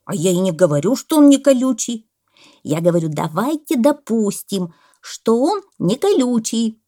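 A woman voicing a pompous male parrot who lectures loudly and exclaims often. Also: mid-range voice, big pitch swings, measured pace, voice pushed up. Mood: lecturing.

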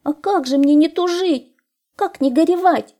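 A woman's voice: measured pace, warm tone. A woman doing a tearful little hare. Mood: lamenting. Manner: high, plaintive and whining. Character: timid little male hare, tearful and pleading.

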